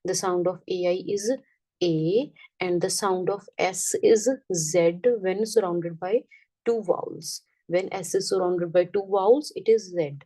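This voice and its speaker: A woman teaching a French lesson, repeating each word slowly and often checking that the class understands. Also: fairly low pitch, dark tone, distant mic, poor audio. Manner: patient, checks understanding with "got it?".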